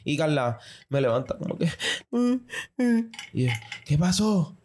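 A man's voice: fairly high pitch, expressive, moderate pace, darkish tone. A man with a Puerto Rican accent, chatting casually on a podcast and playfully acting out what people said. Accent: Puerto Rican Spanish. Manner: playful, acts out quoted dialogue. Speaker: podcast co-host. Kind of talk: casual chat.

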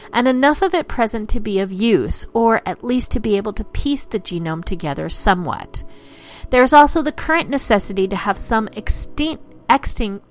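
Woman narrating nature documentary style over music. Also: medium pitch.

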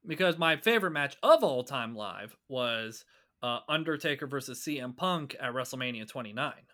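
Lively bright-voiced man. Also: mid-range voice, normal speed. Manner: animated, swearing, boastful wrestling trivia. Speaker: podcast co-host. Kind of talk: casual chat.

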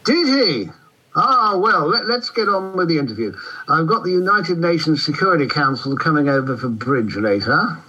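Pompous british army general, husky n forceful, condescending, on a dull radio line, comedy. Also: male voice, fairly high pitch, animated, normal speed, heavily acted. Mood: breezy, blasé. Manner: pompous, breezy, clipped, condescending. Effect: radio link. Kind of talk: comedy radio character acting.

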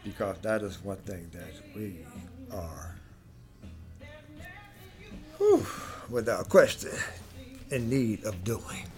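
A man's voice: on the low side, very animated, slow pace, pauses often, over music. A man hosting a podcast with a casual spiritual monologue, reflective and speaking directly to listeners. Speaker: podcast host.

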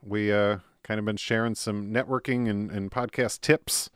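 A man's voice: fairly low pitch, fairly even intonation, normal speed, smooth, dry recording, studio quality. A man hosting a podcast interview, talking casually with lots of fillers, restarts and laughs. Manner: chatty, laughs often, many fillers and restarts. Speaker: podcast host.

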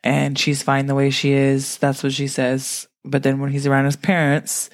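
A woman's voice: very deep voice, completely flat delivery, normal speed. Blunt, profane young woman chatting. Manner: blunt and profane, cuts in often. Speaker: podcast co-host. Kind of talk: casual chat.

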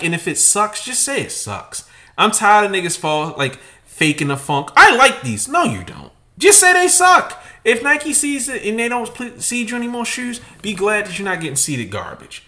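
A man's voice: on the high side, bright, forceful tone. A man, co-hosting a podcast with brash, profane, emphatic rants. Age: 30s. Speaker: podcast co-host. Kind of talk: casual opinionated rant.

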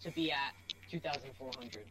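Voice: mid-range voice, moderate pace, noisy background. A player bantering casually during a tabletop role-playing game.

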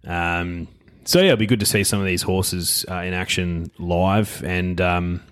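A man with an Australian accent and a low voice. He talks casually as a racing tipster, chatting through his picks with a co-host. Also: steady tone, measured pace, clean tone. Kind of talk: casual horse racing tips chat.

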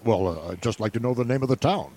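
A man's voice: medium pitch, animated, fast, a little mellow, natural voice. A man playing a fussy, cowardly Western sheriff who talks hesitantly.

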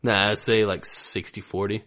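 A man's voice: fairly low pitch, level tone, moderate pace, fairly bright tone. A man co-hosting a podcast in casual comedic chat, jokey and laughing often. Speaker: podcast co-host.

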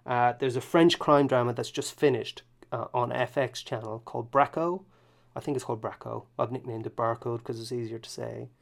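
A man's voice: mid-range voice, steady tone, brisk, creaky. A man co-hosting a podcast, chatting easily about TV shows, chuckling and correcting himself as he goes. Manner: easygoing, chuckling, self-correcting. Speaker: podcast co-host. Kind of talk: casual chat about TV.

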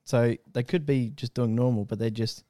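Crude, loud podcast man. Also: medium pitch, steady tone, moderate pace, no room sound, clean studio sound. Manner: loud, swearing, laughs often. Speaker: podcast co-host. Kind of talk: crude casual banter. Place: house.

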